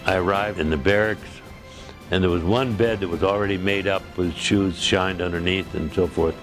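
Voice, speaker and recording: A man's voice: low voice, fairly even intonation, normal speed, over music. An older man, a former ski trooper, recalls the past in a conversational interview, with some hesitations. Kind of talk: interview recollection.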